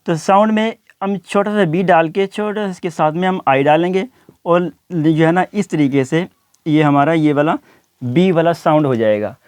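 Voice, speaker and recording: A man teaching English pronunciation in a classroom lesson, speaking slowly and repeating each word several times with many fillers. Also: on the high side, darkish tone, smooth, no room sound.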